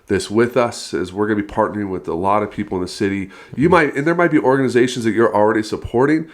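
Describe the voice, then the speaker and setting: A man's voice: on the low side, quick pace. A man in his thirties from California, a pastor talking casually and energetically on a podcast, laughing often. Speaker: guest pastor.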